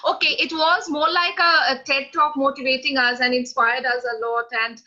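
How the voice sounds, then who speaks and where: A woman moderating a webinar, halting as she searches for words while putting questions to a guest. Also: sits high, fairly even intonation, sharp tone. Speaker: webinar host. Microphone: video call. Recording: slightly dull online call audio.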